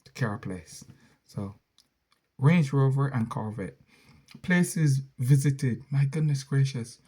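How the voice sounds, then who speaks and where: The voice is mid-range, mellow and husky. It belongs to a middle-aged Barbadian-accented content creator who chats through viewer questions in a rambling, self-correcting Q&A monologue.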